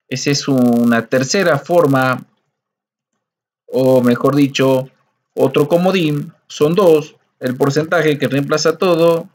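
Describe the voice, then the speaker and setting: A man teaching a screen-recorded coding lesson, explaining patiently step by step and often checking in with listeners. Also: fairly high pitch.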